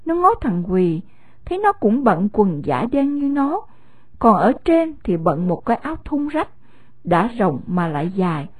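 A woman with a Southern Vietnamese accent narrating a story in an expressive storytelling way. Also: medium pitch, unhurried, no echo.

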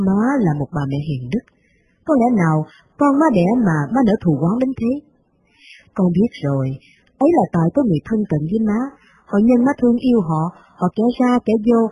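A woman voicing a humble but resentful young adult son, with a measured, formal delivery. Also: mid-range voice, dark tone, slightly rough, dull audio. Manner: measured, formal letter reading.

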